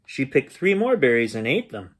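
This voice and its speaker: This storyteller gives an animated bedtime reading of a children's picture book at a moderate pace. His husky voice moves a lot in pitch, playful and expressive, as he acts out dialogue and sounds between playful asides.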